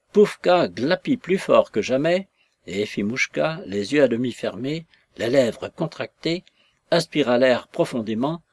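Male narrator, scripted reading, lively pitch, dry close sound. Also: dry recording. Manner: expressive, acting out voices. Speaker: audiobook reader.

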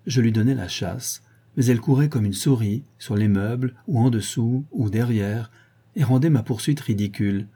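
A man giving a measured, expressive reading as the narrator of a novel. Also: mid-range voice, slightly rough. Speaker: audiobook reader.

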